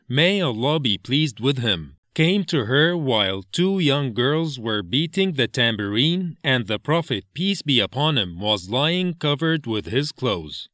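A man reading translated religious narrations aloud in a slow, measured way, explaining each Arabic term in English as he goes. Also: medium pitch, a bit bright, no echo, clean studio sound. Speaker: reader of hadith translations.

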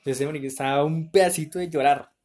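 A young man with a Colombian accent, co-hosting a podcast and telling a school story in casual chat, animated and full of slang. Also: on the high side, fast talker. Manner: animated, slangy, tumbling narration. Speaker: podcast co-host.

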